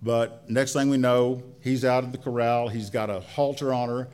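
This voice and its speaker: A man with a mid-pitched voice is telling a story live on stage. His manner is folksy and colloquial. He stretches out phrases and leaves pauses between them. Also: fairly even intonation, a little mellow, smooth.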